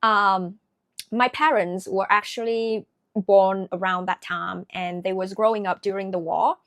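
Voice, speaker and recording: A woman's voice: mid-range voice, fairly even intonation, unhurried, a bit bright, no room sound. A woman from Vietnam with a Vietnamese accent, talking through her recent reads in a casual, earnest and reflective book vlog. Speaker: book vlogger.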